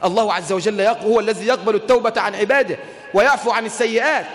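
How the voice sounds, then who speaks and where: A man's voice: high voice, rapid-fire, a bit bright, long reverb tail. A man with an Egyptian accent preaching a sermon. He tells stories in colloquial speech and moves into raised, emotional recitation. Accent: Egyptian Arabic. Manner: emotional, shifts between colloquial storytelling and lofty recitation. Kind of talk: Islamic sermon with storytelling.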